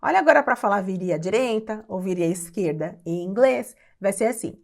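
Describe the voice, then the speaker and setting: A woman with a Brazilian Portuguese accent teaching an English lesson, saying each English phrase slowly and spacing out the syllables. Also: medium pitch, animated. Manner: slow and clearly spaced, repeating English phrases syllable by syllable. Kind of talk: online language lesson.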